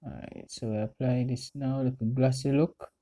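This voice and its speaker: A man's voice: medium pitch, steady tone, moderate pace, warm tone, soft background music. A man with a Jamaican accent giving a casual step-by-step commentary. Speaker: friend doing a makeup voice-over.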